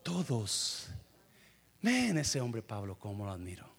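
A man preaching a lively sermon as pastor, acting out scenes, calling out sound effects and laughing. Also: on the low side, takes it slowly, vocal fry, husky. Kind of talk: energetic bilingual sermon. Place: church.

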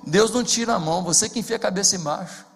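Fervent high-voiced carioca pastor. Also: male voice, fast talker, vocal fry, slightly rough. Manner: fervent, swelling to shouted climaxes. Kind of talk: sermon. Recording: echoey hall with faint music.

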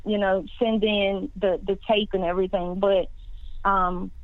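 Over a tinny, dry phone line, a singer in her twenties casually answers interview questions, often repeating words and starting over. Her medium-pitched voice moves little in pitch and keeps a measured pace.

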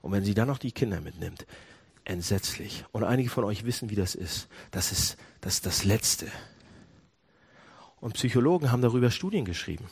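A man preaching a sermon who swings between soft, low passages and loud, high ones, and asks the congregation direct questions. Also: expressive, normal speed, vocal fry, slightly rough.

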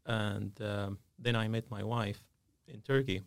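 A man's voice: lowish voice, steady tone, a little slow, vocal fry, clean tone, no room sound. A man, a dentist talking as a guest in a podcast studio, hesitant and full of fillers. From Syria. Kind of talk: casual interview.

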